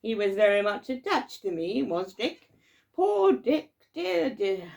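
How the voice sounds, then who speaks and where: Female reader playing an elderly storybook miser, emotional, slow-paced, gravelly edge. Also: medium pitch, very animated, darkish tone, full character voice. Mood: excited. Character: old miserly man, moved by memories.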